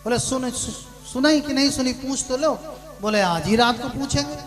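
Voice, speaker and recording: Man, preacher, high voice, parable storytelling, music behind. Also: normal speed. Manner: shifts between hushed storytelling and loud shouted punchlines. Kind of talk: sermon storytelling with acted dialogue.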